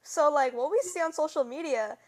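A young woman with a high, light voice hosts a casual fan podcast. She talks in loose, rambling sentences full of fillers and breaks into laughter easily. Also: fairly quick, a little mellow. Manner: chatty, laughs often, lots of "like". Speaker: podcast host. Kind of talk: casual chat.

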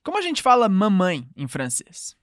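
A woman with a Brazilian Portuguese accent leads a call-and-response language lesson, patiently modelling phrases for the listener to repeat. Her medium-pitched voice swoops wildly up and down at a moderate pace. The studio recording is clean, with no room sound.

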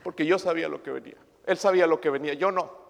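A man preaching a passionate sermon, calling his listeners brothers, rising to loud emphasis and dropping to quiet asides. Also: fairly high pitch, fast talker, gravelly, in a large hall. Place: church.

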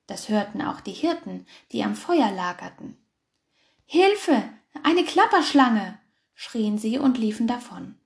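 A woman's voice: medium pitch, gravelly, darkish tone. A woman narrating a children's story, reading expressively.

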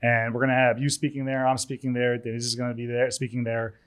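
A man's voice: medium pitch, completely flat delivery, fast talker. Chatty man rambling with repeated starts. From Cyprus. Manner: rambling, repeats words, laughs easily. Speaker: event organizer, studio owner. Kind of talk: casual podcast chat.

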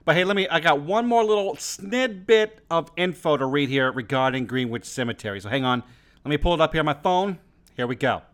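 A man's voice: fairly high pitch, expressive, fairly quick, a bit bright. A man co-hosting a casual podcast and reading a ghost story, joking between reads. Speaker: podcast co-host. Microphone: home podcast microphone.

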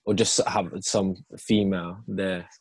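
A man's voice: sits low, flat delivery, measured pace, darkish tone, slightly rough. A young man with a London roadman accent, bantering casually with friends in heavy street slang, teasing and swearing. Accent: London, urban roadman. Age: young adult. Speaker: podcast co-host.

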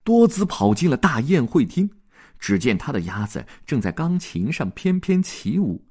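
A man reading a children's story aloud, with lively, expressive narration. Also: mid-range voice, normal speed, breathy edge.

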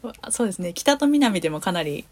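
A woman on a podcast, answering politely with measured, careful replies. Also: medium pitch, very animated, a crowd in the background. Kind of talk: casual chat.

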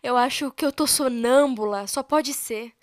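A woman's voice: sits high, lively intonation, moderate pace, bright, forceful tone, dry recording, studio quality, pitched above the performer's own voice. A woman voicing a shaken, tearful architect who stammers and pleads, with a Brazilian Portuguese accent. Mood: distraught. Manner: tearful, trembling, stammering pleas.

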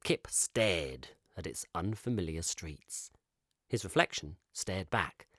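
A man narrating a children's storybook in an expressive, measured way. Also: low voice, slightly rough, no echo, studio quality.

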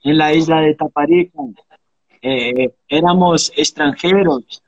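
A man's voice: a little high, slow pace, dry recording, lo-fi sound. A man in his thirties from Brazil, talking earnestly and reflectively in a casual interview, often ending thoughts with a question. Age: 30s. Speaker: interviewee, capoeira practitioner.

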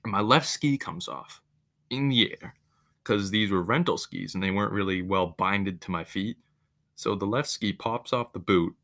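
A young man hosting a podcast on his own, telling a story in a monotone, casual way with faint guitar music behind. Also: on the low side, normal speed. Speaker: podcast host.

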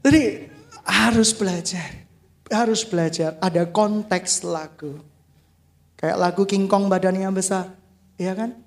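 A man preaching a sermon as a worship leader, animated and laughing often, swinging between loud outbursts and quiet asides. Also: sits high, unhurried, creaky, pauses often.

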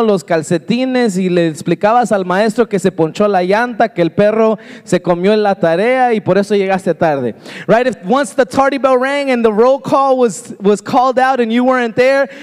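A man pastor preaching a sermon in a church, lively and joking with the congregation. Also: very high-pitched, a little fast, smooth, in a large hall. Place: church sanctuary.

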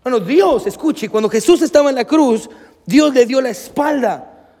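Pastor guy preaching hard at the church, really high voice, big echoey hall sound. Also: animated, normal speed, warm tone. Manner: emphatic preaching, addresses the congregation directly. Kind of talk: sermon. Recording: long reverb of a church hall.

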